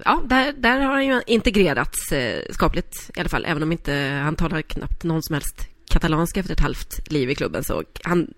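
A podcast co-host in casual chat, telling stories in an animated, rambling way full of fillers. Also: mid-range voice, hardly any pauses, dry recording.

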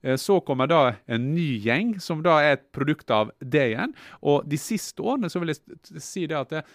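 A middle-aged former footballer from Norway in casual podcast chat, reflective and halting, with frequent restarts. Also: male voice, fairly high pitch, animated, no room sound, studio quality. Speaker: former national team footballer, podcast guest.

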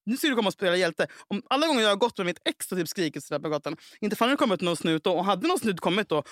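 A woman in casual podcast chat, telling a story in an animated way, swearing freely and acting out what people said. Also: medium pitch, no room sound, clean studio sound. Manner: animated, swears a lot, acts out quotes. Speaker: podcast co-host.

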